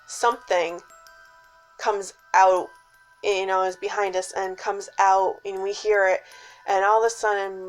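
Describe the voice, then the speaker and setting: A woman casually telling a personal scary story in a suspenseful, dramatic way, with hushed dips and emphatic stresses. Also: medium pitch, rough recording.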